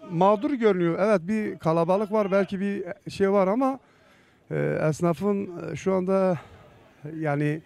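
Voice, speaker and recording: A man's voice: high-pitched, creaky, darkish tone, smooth. A man, giving a spontaneous street interview. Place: outdoors in a town market street.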